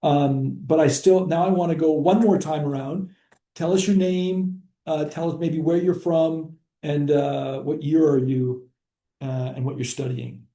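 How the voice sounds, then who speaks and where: A man's voice: on the high side, steady tone, unhurried, dark tone. A male professor in a classroom, casually telling a story with many fillers. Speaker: history professor. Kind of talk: classroom discussion. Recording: echoey classroom.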